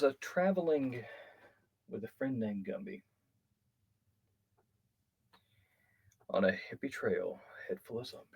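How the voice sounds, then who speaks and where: A man voicing a mock-Australian traveler, telling a tale in a low, hushed, drawling put-on accent. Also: husky, exaggerated voice.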